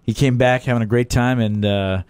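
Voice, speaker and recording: A man's voice: mid-range voice, fairly even intonation, moderate pace, a little mellow, slight background noise. A man hosting a radio show, chatting casually with a guest in the studio, with easygoing delivery and frequent filler words. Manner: easygoing, lots of filler words, lists names. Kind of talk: casual radio interview chat. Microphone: studio microphone.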